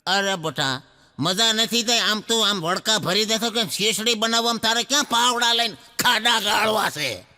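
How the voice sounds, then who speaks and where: A man's voice: high voice, lively intonation, normal speed, sharp tone, long reverb tail, heavily acted. Man putting on a bossy old mother-in-law. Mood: scolding. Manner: scolding, bossy old village woman. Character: sharp-tongued old mother-in-law, woman.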